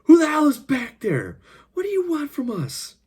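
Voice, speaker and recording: Man doing a bound captive husband, desperate, shouting, strained high voice. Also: huge pitch swings, normal speed, heavily acted. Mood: anguished shouting. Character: anguished captive husband, tied to chair.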